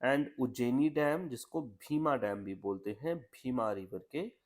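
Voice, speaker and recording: A man's voice: medium pitch, measured pace, darkish tone. A man teaching an exam lesson in a chatty, repetitive way, mixing English words into Hindi. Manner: chatty, repeats "ठीक है" often.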